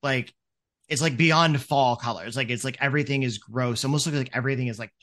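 A man's voice: mid-range voice, a little fast, fairly bright tone. Rambling male game master, filler-heavy. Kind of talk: narrating a tabletop game.

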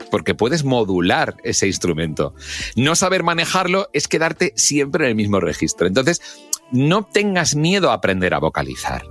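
A middle-aged man from with a radio broadcaster's voice, explaining speaking skills in an interview and acting out the lines he quotes. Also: mid-range voice. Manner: expressive, acts out shouts and quoted lines. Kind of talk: podcast interview, animated explaining.

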